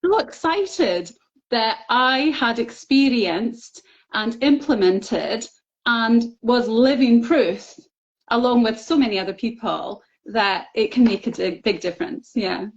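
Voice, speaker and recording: A middle-aged woman, a guest who contributed to a book, tells her personal story openly and earnestly in a casual interview chat, using fillers along the way. Her voice is a little high with lively intonation, and she speaks slowly. The audio is slightly dull and lo-fi.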